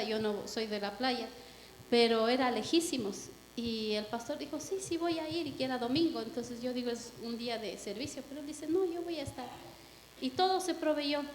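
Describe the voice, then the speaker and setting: A young woman from Ecuador giving a lively testimony to a church congregation, telling her story with acted-out quotes. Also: sits high, a little hiss or hum. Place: church hall. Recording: echoey hall with long reverb.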